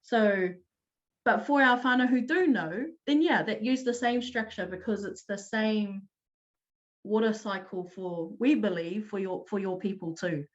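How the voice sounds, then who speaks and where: A woman presenting an online teaching talk, explaining in an upbeat way with quick restarts. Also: medium pitch, dull audio.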